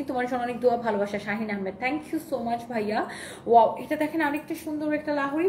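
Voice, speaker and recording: A woman runs a live sales stream, holding up dresses, reading viewers' comments aloud and thanking them. Her voice sits high, and she mixes English phrases into her talk. The room echoes, with a faint noise underneath. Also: fairly bright tone. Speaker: online clothing seller.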